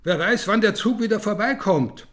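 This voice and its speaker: A man reading a storybook and voicing a bold, impatient young girl in a high, eager voice. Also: moderate pace, a bit bright. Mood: eager, pushy.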